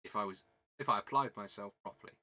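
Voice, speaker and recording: This fast-talking man has a fairly low, sharp-toned voice and a southern British accent, being from southern England. Hosting a relaxed livestream while he puts together a model kit, he rambles in a self-deprecating way and frequently repeats himself.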